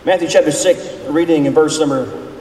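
A forties-aged male pastor with a voice on the high side, a dark tone and a moderate pace leads a seminar session through an informal, interactive sermon. He talks in a folksy, conversational way and asks the audience questions. Noise and echo fill the distant recording of the large hall.

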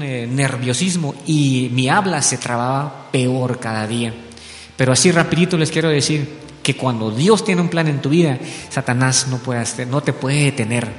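A man's voice: medium pitch, slight background noise. A man from Belize giving an earnest spoken testimony in church, telling his story with frequent tag questions. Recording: echoey hall with soft music.

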